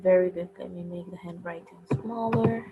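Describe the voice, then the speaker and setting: A woman teaching punctuation in a recorded lesson, explaining each step slowly and carefully. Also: fairly low pitch, steady tone, narrow, tinny audio, heavy background noise. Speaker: English teacher.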